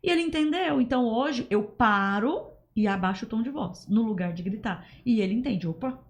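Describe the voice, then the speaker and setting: A woman's voice: fairly high pitch, normal speed. A woman talking earnestly as a podcast guest, explaining her points. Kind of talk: casual podcast chat.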